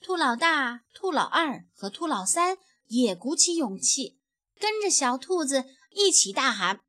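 A woman reading a picture book aloud, gentle and expressive, letting her voice fall softly at the end of sentences. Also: high voice, a little slow, no room sound. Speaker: storyteller.

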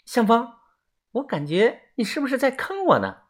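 A man's voice: extremely high pitch, wildly swooping pitch, normal speed, pitched above the performer's own voice, exaggerated voice. A man voicing a naive young woman who pleads and coaxes in a storybook reading. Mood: suspicious. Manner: pleading, coaxing.

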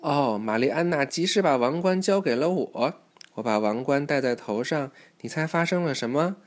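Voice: mid-range voice, lively intonation, moderate pace. Parent reading a children's story aloud. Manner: instructive, asks the listener questions.

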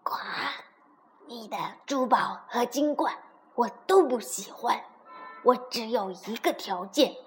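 A woman voicing a small, sly male frog who croaks between his pleading phrases in a storybook. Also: on the high side, takes it slowly, soft background music, voice pushed down. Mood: coaxing.

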